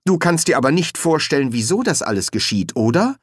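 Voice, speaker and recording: A man's voice: on the high side, very animated, a little fast, husky, no echo, clean studio sound, pitched above the performer's own voice. A man voicing an easygoing young male actor who stammers and hedges. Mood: hesitant. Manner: stammering and casual.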